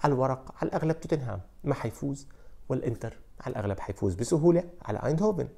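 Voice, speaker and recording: Fast-talking Levantine man, football countdown. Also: mid-range voice, vocal fry. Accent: Levantine Arabic. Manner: fast, animated storytelling with frequent fillers. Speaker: sports video host. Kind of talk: energetic football countdown commentary.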